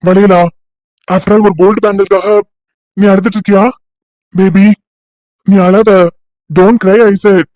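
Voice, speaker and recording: A woman voicing a gentle middle-aged father in a cartoon story, coaxing and reassuring in a calm, steady way. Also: medium pitch, slow pace, long pauses, no echo, voice pushed down, natural voice. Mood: soothing. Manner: coaxing, reassuring, mixes English into Tamil.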